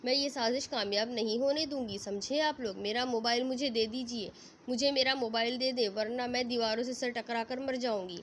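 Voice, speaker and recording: A woman's voice: fairly high pitch, fairly even intonation, a bit bright, a little hiss or hum, natural voice. A woman voicing a panicked young bride who screams and pleads in terror. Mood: frantic.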